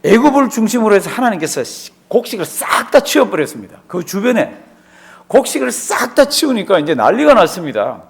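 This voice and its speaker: Man, pastor, Bible study lecture, quizzes the class, repeats words, raised pitch, swooping animated delivery. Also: a little fast, gravelly, slightly rough. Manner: asks the class questions and answers them himself; emphatic, repeats key words. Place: church classroom.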